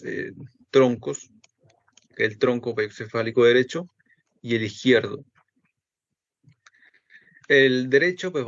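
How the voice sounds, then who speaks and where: A man's voice: medium pitch, no echo. Man teaching anatomy, dull dry recording. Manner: explains step by step, voices students' questions himself.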